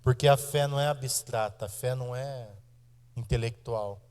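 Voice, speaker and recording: A man in his thirties with a Brazilian accent, preaching to his congregation as pastor, emphatic and direct, slowing down and speeding up for effect. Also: medium pitch, darkish tone, clean tone. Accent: Brazilian Portuguese. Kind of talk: sermon. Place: church sanctuary. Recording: church hall reverb.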